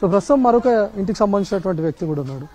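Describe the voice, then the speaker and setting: A man's voice: high voice, expressive, warm tone. A man reporting live and urgently from a flooded neighborhood outdoors. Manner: urgent, rapid, emphatic. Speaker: field reporter.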